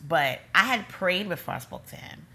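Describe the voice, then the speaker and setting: Low-voiced woman telling a story, animated. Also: normal speed, creaky. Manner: animated, acts out quoted voices, frequent "like". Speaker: storyteller recounting her courtship. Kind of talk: casual storytelling chat.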